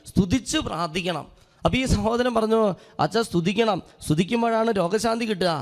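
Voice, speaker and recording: ഒരു പുരോഹിതൻ ഹാളിന്റെ മുഴക്കത്തിൽ, ഒരു അനുഭവകഥ പറഞ്ഞുകൊണ്ടുള്ള പ്രസംഗം. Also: male voice, sits high, creaky. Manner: earnest storytelling, acts out quoted speech. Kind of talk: sermon with a personal story. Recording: long hall reverb.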